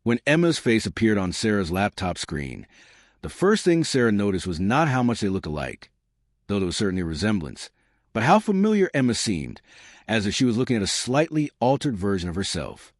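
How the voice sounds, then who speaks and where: Deep-voiced male story narrator. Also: very animated, no echo, clean studio sound. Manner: measured storytelling. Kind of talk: scripted narration.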